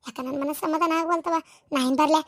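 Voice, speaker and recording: A woman plays a restless older village grandmother in a rural family drama, with a North Karnataka Kannada accent. Her voice sits very high and she talks fast, fretting and going back over her worry again and again. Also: fairly even intonation, no room sound, clean studio sound, natural voice. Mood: uneasy. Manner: fretful, repeating her unease.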